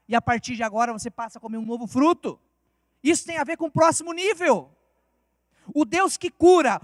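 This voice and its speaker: A man's voice: extremely high pitch, a bit bright, dry recording, studio quality. A man with a Brazilian Portuguese accent preaching a fervent sermon in church, with many rhetorical questions.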